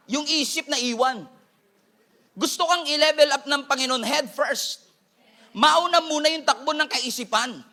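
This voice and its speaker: Filipino male pastor, high bright voice, animated sermon delivery, teasing asides to the congregation. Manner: switches between Tagalog and English, jokes with congregation.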